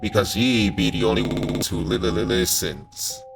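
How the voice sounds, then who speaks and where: A man's voice: lowish voice, fairly even intonation, normal speed, creaky, over music. A man voicing a broken robotic pirate fox that stutters and crackles with static. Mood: glitching, grave.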